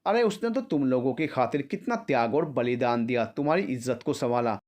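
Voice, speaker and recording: A man's voice: medium pitch, expressive, brisk, darkish tone, lightly acted. Male narrator doing a grieving old mother, plain mid voice, pleading questions. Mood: demanding, grieving. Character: grieving elderly mother demanding answers.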